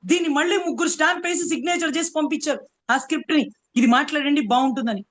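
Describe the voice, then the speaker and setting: A woman's voice: sits high, quick pace, fairly bright tone. A woman from Andhra Pradesh arguing hard in a political debate, sarcastic and full of rhetorical questions. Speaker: political commentator.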